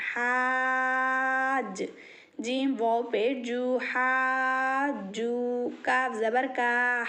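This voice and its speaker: Slow high-voiced woman teaching recitation. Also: a bit bright. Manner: drawn-out spelled recitation, then quick explanations. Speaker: Quran reading teacher.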